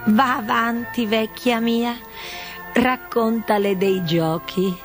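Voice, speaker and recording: A woman's voice: fairly high pitch, fairly even intonation, takes it slowly, over music, pitched above the performer's own voice. A woman voicing a brusque, impatient griffin that scolds and orders others about. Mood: scolding. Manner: scolding, bossy.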